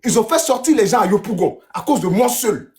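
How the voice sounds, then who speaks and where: Insistent man, lively pitch. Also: brisk. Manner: lecturing, repetitive and insistent. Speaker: TikTok debater. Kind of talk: heated live-stream argument.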